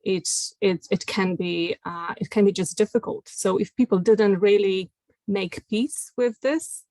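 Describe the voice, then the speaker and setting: A woman's voice: mid-range voice, a little mellow, no room sound. Woman advocate on a webinar panel, hesitant with lots of fillers, dry close sound. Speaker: health advocacy worker, panelist.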